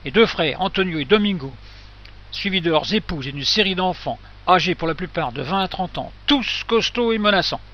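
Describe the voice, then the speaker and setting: A man's voice: high-pitched, lively intonation, moderate pace, lo-fi sound. A man narrating a short story as an audiobook, reading steadily and expressively.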